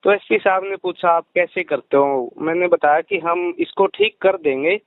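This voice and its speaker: Over a muffled, radio-like phone line, the president of a rationalist society is interviewed and earnestly explains a case, repeating his key points. His voice is high and animated, at a moderate pace, with no echo.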